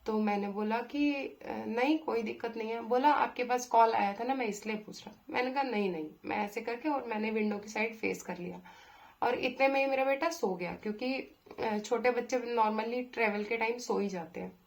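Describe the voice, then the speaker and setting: A young woman, telling a personal story in a chatty way, with pauses and fillers. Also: on the high side. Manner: chatty, with many pauses and fillers, acting out her own angry replies. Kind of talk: casual storytelling.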